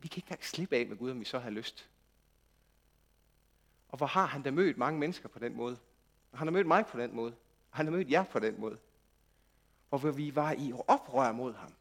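A man preaching a sermon, moving from quiet, intimate passages to loud, impassioned outbursts. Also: fairly high pitch. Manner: animated, swings from quiet intimacy to loud shouting.

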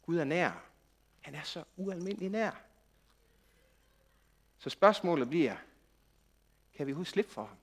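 A man preaching a sermon, moving from quiet, intimate passages to loud, impassioned outbursts. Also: fairly high pitch, pauses often, slightly rough. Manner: animated, swings from quiet intimacy to loud shouting.

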